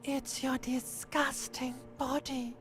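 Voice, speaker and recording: Brief: an insinuating inner voice in a game, slow, soft, slightly high. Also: female voice, level tone. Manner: soft, insinuating, drifting into whispers.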